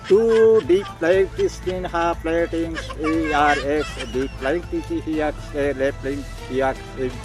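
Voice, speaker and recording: A man with a Bangladeshi accent playing a parody news anchor, a bumbling English-language newsreader who delivers halting gibberish. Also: a little high, music in the background.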